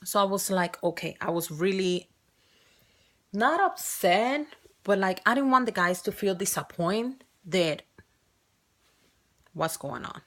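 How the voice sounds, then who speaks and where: This vlogger, a woman in her thirties, has a strong Spanish accent and a medium-pitched, fairly bright voice with lively intonation. She talks in an open, chatty way, going slowly, pausing often, and frequently starting over or correcting herself.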